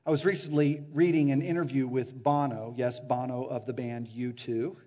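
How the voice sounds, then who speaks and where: A man preaching a sermon as a pastor, animated, acting out the voices of the people he quotes. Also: medium pitch, normal speed. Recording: dull sound with long hall reverb.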